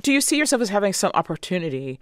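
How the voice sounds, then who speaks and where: A man's voice: high-pitched, sing-song, racing, a bit bright, smooth, no room sound, studio quality. A man hosting a broadcast interview, asking questions in a conversational way. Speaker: radio interviewer.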